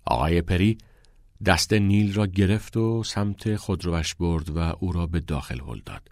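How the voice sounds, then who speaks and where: A man narrating a story in a measured, even storytelling manner. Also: low voice, dry recording, studio quality.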